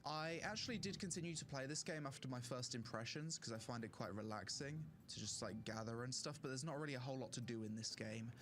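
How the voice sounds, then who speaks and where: Background noise accompanies this young male streamer's mid-range voice. He works through a casual tier list of online games, voicing strong opinions with plenty of fillers while his throat sounds strained.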